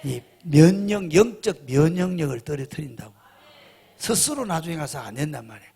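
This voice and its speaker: A man's voice: a little high, sing-song, moderate pace, vocal fry, warm tone, husky. A middle-aged male pastor preaching a sermon, emphatic, often firing rhetorical questions at the congregation.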